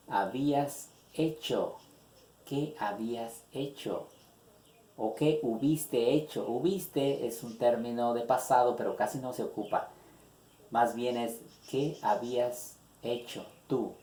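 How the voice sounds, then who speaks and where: A man teaching an English grammar lesson in Spanish, slowly repeating example questions and their translations. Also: medium pitch, dark tone. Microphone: phone. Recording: echoey room on a phone.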